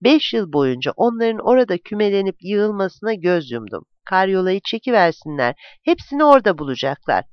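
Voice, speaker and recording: An audiobook narrator reads a literary novel with a dramatic, expressive delivery. The pitch rises and falls in wide, lively arcs from line to line. The recording is dry and close, with a dull, lo-fi tone. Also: a little fast, few pauses, no room sound.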